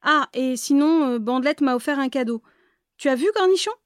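A woman voicing a spirited, bossy young witch girl, high and exclaiming, in a storybook reading. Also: brisk, no room sound, studio quality. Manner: lively, exclaiming, high and animated.

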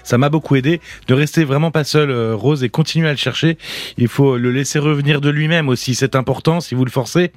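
A man on a radio show reads listener messages aloud. He speaks calmly and at an even, measured pace, at a middling pitch. The studio sound is dry and close to the mic. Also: no echo. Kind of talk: reading messages on air.

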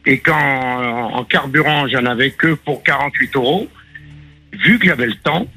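An older man in his sixties from Sicily, calling in to a radio show. His voice is bright and forceful with a husky edge, and he explains his grievance step by step, with faint music behind. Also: medium pitch, unhurried, poor audio. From Sicily, moved to France at ten. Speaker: radio caller. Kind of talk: explaining a complaint in conversation.

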